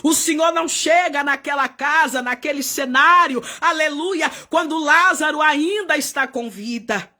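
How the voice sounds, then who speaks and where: A woman missionary preaching a fervent Pentecostal sermon, often shouting and crying out hallelujah. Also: sits high, a little slow, hardly any pauses.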